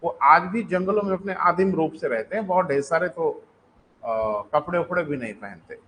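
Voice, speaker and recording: A man teaching a live online class, explaining in a conversational way, calling his students "beta" and repeating key sentences slowly for them to write down. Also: fairly high pitch, a bit bright, slight background noise, rough recording.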